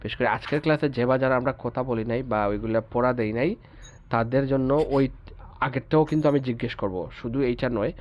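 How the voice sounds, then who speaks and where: A man teaching English pronunciation in a class lecture, patiently repeating example words slowly and checking that students follow. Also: mid-range voice, dull audio.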